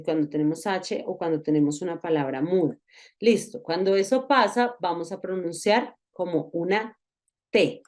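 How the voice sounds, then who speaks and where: A woman giving a recorded online lesson, explaining patiently and repeating example words slowly. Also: lowish voice, a little mellow. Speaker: English teacher.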